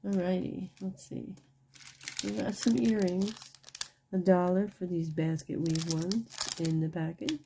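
A middle-aged woman chatting casually and quietly in a tired late-night way, with a husky, fry-laden voice, murmuring and repeating herself as she shows things off. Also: lowish voice, fairly even intonation, a little slow, background noise. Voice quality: croaky, husky voice with vocal fry. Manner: quiet, tired late-night delivery, holding the voice down while others sleep. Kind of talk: casual chat, unscripted show-and-tell. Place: indoors at home, over a wooden table.

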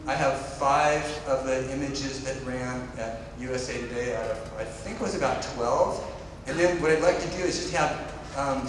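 A man moderating a panel discussion on stage, explaining in long, winding sentences. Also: medium pitch. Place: stage of a large indoor hall with audience. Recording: echoey hall, distant and noisy.

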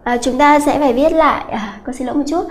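A woman English teacher giving an exam-prep grammar lesson, explaining slowly and repeating key points with many hesitant fillers. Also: sits high. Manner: slow, repetitive explaining with many filler "à" sounds.

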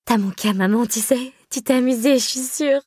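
A woman's voice: brisk, a little mellow, slightly rough, no room sound, studio quality. A woman voicing a euphoric young mother who coos and gushes over her baby in a read story. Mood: gushing. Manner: breathless and cooing, high and bubbly. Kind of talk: audiobook character voice.

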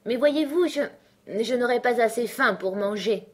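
A woman voicing Alice, a curious, polite young girl, in a storybook reading with a high, earnest voice. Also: moderate pace, natural voice.

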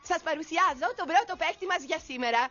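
A woman's voice: very high-pitched, sharp tone. A woman voicing a perky female quiz-show hostess puppet with chirpy game-show patter. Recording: slightly muffled TV audio with faint noise.

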